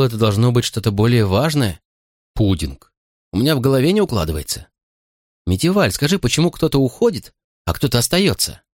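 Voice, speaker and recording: A man's voice: mid-range voice, dry recording, studio quality, voice pushed up, lightly acted. A man voicing an anxious young boy who presses with emotional, pleading questions in an audiobook.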